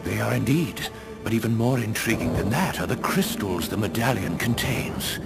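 A formal intelligence official. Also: male voice, fairly low pitch, expressive, moderate pace, music in the background. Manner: formal, crisp orders. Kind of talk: game cutscene acting.

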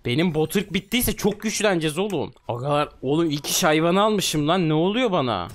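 A man in his twenties giving excitable, trash-talking commentary on his own gameplay. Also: fairly high pitch, brisk, a little hiss or hum. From Turkey. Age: 20s. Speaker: gaming streamer.

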